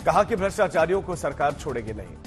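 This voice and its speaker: A man's voice: a little high, very animated, fast talker. A man working as a news anchor, reading a scripted bulletin. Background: music bed.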